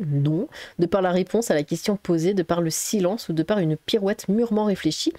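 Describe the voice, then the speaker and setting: An online commentator from Alsace, France, reads an article aloud and reacts casually, her fairly low voice mellow and sarcastic with no echo. She drops exasperated asides as she goes.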